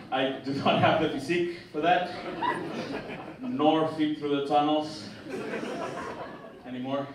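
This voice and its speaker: Talking slowly with long pauses, a young Mexican-accented stand-up with a higher voice performs on a theatre stage. He's relaxed and chatty, stumbling into restarts and laughing at his own jokes, while a far-off mic captures the noisy, echoing hall.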